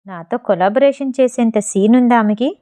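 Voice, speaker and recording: A woman's voice: fairly high pitch, normal speed, mellow, close to an everyday voice. A woman reading the lines of a haughty, condescending senior actress.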